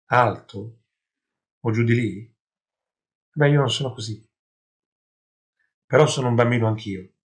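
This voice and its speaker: A man's voice: mid-range voice, natural voice. Storybook role: a defiant invisible boy, read by a man, earnest and pointed.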